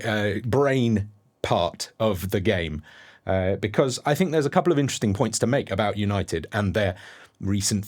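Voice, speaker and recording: A man hosts a casual solo monologue about his football club. His voice sits low, and he rambles, circling back with fillers and half-started phrases as he works out his point. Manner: rambling, thinks aloud with many fillers and restarts. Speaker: football fan podcast host.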